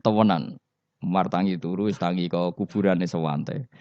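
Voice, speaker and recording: A man's voice: low-pitched, normal speed, no echo. A man with a Javanese accent giving a sermon, telling stories and putting questions to the audience. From Indonesia. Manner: lively storyteller, mixing Javanese and Indonesian, asking the audience questions. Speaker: Islamic preacher. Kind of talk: sermon storytelling. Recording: dull, muffled dry recording.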